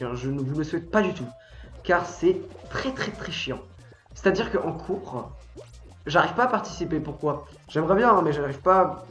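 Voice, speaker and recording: A man's voice: on the high side, fairly bright tone, echoey room. A young man with a cold and a stuffy nose, chatting casually while streaming a game, rambling and restarting his words. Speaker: gaming streamer.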